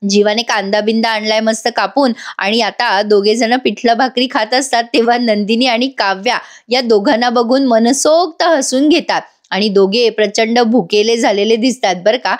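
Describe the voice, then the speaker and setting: A woman giving a lively, chatty recap of a TV serial episode. She laughs as she retells it. Her voice sits fairly high. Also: normal speed, few pauses. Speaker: TV serial reviewer.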